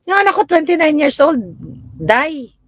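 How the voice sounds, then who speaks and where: A middle-aged woman from the Philippines chatting casually on a live stream, telling stories about her grown children and answering viewers, her voice jumping higher when she quotes herself. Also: expressive, unhurried. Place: home in the United States.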